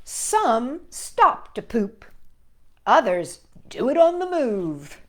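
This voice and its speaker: A woman hosts a children's storytime, reading a picture book aloud and breaking off for playful, chatty asides, often quizzing her young listeners. She speaks very slowly in a voice on the high side, and she's very animated.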